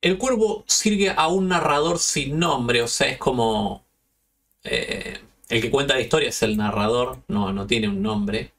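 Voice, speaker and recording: Gravelly Argentine man telling stories. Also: medium pitch, unhurried, recorded from a distance. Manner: loose, slangy and profane, animated retelling. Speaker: podcast host. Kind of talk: casual storytelling chat.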